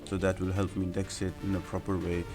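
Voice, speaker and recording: A gaming video creator delivers step-by-step fight advice in casual, instructional commentary while music plays behind him. His low voice is monotone and brisk.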